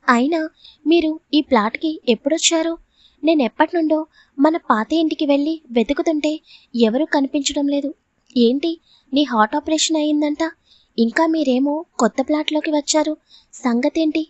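A woman's voice: high voice, normal speed, a little mellow, no echo, close to an everyday voice. A woman reading the part of a greedy, drunken middle-aged father who talks in a smug, wheedling way in a storybook reading. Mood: mocking. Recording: dull lo-fi audio.

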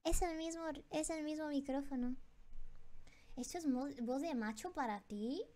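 Young woman streamer, super high voice, flustered, keeps repeating herself. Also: moderate pace, dark tone. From Japan. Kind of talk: casual stream reaction.

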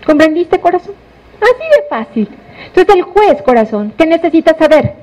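A woman delivers a law lecture in a high voice. She is animated, fires questions at her listeners and calls them by pet names while driving her points home. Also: low-quality recording.

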